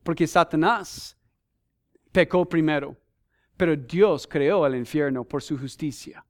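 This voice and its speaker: A man's voice: on the high side, measured pace. A man preaching a sermon as a missionary, speaking earnestly and emphatically, putting questions to the congregation and listing numbered points with scripture references.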